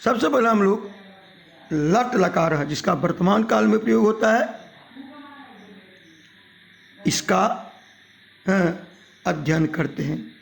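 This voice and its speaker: Slow high-pitched male Sanskrit teacher. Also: animated, creaky. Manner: slow, drills verb forms one by one in a recitation. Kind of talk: recorded grammar lesson.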